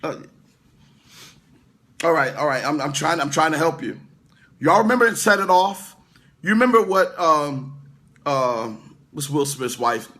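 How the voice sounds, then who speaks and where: Middle-aged preacher guy kinda high voice, casual livestream sermon, keeps restarting sentences and chatting w viewers. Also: lively intonation, measured pace, pauses often, pushed and bright. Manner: conversational, stammering restarts, talks to viewers in comments. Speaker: pastor. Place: indoor room away from his usual location.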